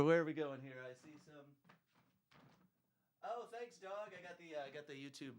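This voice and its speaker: Raspy middle-aged guy rambling on his own livestream, smooth clear voice, dry close sound. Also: mid-range voice, no echo. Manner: rambling, chatty, self-deprecating. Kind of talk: casual livestream chat.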